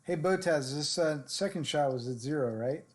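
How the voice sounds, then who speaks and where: A man's voice: on the high side, normal speed. A man giving casual live-stream commentary on his gameplay, chatting with viewers and coaching himself through his shots. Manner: chatty, answers viewer chat directly; relaxed, self-coaching talk with fillers. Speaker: game streamer.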